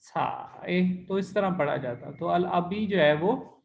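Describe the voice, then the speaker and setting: A man teaching an online language class, explaining step by step and demonstrating tones by slowly repeating syllables. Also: high-pitched, gravelly, muffled recording, a little hiss or hum. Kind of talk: recorded online class lesson.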